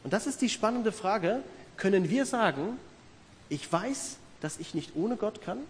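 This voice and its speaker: A man's voice: high voice, expressive, measured pace. A middle-aged man preaching a sermon in an earnest, conversational way, asking his listeners questions. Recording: reverberant hall with faint hiss.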